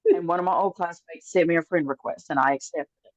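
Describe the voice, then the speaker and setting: A woman's voice: on the low side, fast talker, dry recording. A woman co-hosting a casual faith podcast, telling personal stories at length. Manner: warm storyteller, acts out voices in anecdotes. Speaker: podcast co-host. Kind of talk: casual faith chat, storytelling. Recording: dull, slightly muffled sound.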